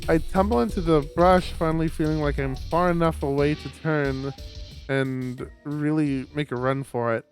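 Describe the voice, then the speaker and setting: A man streaming a visual novel, reading the story aloud in a lowered voice with loud reactions. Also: fairly even intonation, normal speed, faint music behind. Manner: reads narration in a lowered voice, reacts with loud exclaims. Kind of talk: reading a story game aloud with chatty asides.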